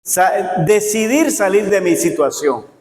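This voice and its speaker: A pastor preaches to his congregation in a folksy, joking way, often asking them to answer back. His voice sits high for a man. The church hall around him rings with a long, roomy echo. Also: animated, takes it slowly, a little mellow. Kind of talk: Sunday school sermon. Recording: echoey church hall reverb.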